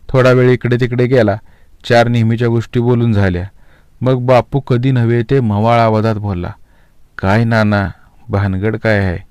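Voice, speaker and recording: A man's voice: lowish voice, a little mellow, clean tone, dry recording. A man telling a Marathi short story aloud, narrating and voicing village characters in rustic dialect.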